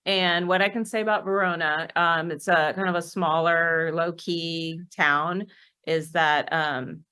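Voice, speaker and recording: A woman's voice: on the low side, fairly even intonation, unhurried, bright, forceful tone, clean tone. A middle-aged woman from Texas, co-hosting a podcast in casual, rambling chat full of ums and restarts. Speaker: podcast co-host.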